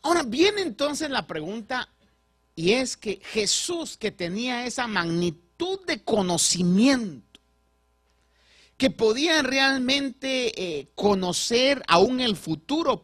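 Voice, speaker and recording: A man preaching a sermon as pastor, swinging between loud and soft and putting rhetorical questions to the congregation. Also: high voice, animated, unhurried.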